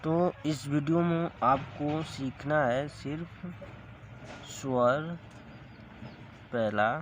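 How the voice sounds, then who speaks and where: Slow, patient man drilling syllables. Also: a little high, a little hiss or hum. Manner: slow, repetitive drilling, drawing out each syllable. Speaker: teacher. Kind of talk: slow Hindi alphabet lesson.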